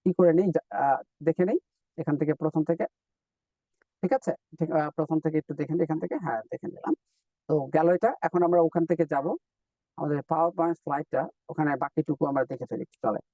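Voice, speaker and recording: A man teaching English in a live online lesson, explaining step by step and repeating drill words slowly. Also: on the high side, warm tone, no echo, recorded from a distance, highs cut off.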